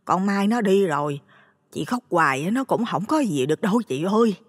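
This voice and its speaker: A man voicing a gentle, anxious village woman with a soft pleading tone and a Southern Vietnamese accent. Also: extremely high pitch, animated, unhurried, no echo, studio quality, voice pushed up. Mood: consoling.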